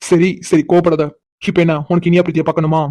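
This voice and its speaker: A cocky, stubborn young man in a cartoon story, voiced by a woman, who teases and mocks without letting up. He speaks very fast in a low, flat, mellow voice. The recording is dry and close. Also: no echo, close to an everyday voice. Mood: teasing. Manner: teasing, insistent, mocking. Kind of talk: cartoon voice acting.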